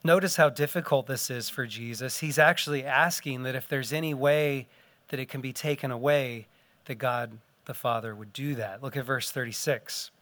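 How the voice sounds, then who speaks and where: A man preaching a sermon, earnest and unhurried, pausing to let points sink in and dropping softly on tender words. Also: medium pitch, fairly even intonation, no echo. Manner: earnest, unhurried teaching with pauses and soft drops. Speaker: pastor.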